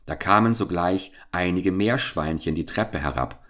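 A man narrating a fairy-tale audiobook in a calm, even storytelling manner. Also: low-pitched, unhurried.

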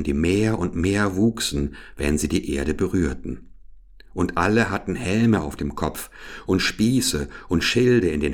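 A man narrating a fairy tale in a slow, deliberate storytelling manner. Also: low-pitched.

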